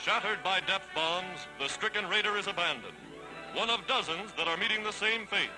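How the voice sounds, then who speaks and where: A man narrating an old 1940s wartime newsreel, his voice pitched high and delivered in a stirring, declamatory sweep. He pushes each line with triumphant emphasis over a loud bed of music. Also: expressive, normal speed, poor audio.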